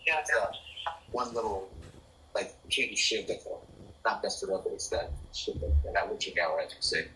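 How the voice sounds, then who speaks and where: A man heard through a phone speaker, talking in a halting way and searching for his words. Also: lowish voice, animated, pushed and bright. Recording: distant speakerphone with background noise.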